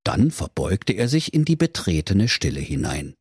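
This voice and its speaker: A man tells a comic bedtime story in a playful, animated way. His voice swings widely in pitch. The sound is close and dry. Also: normal speed, husky, dry recording.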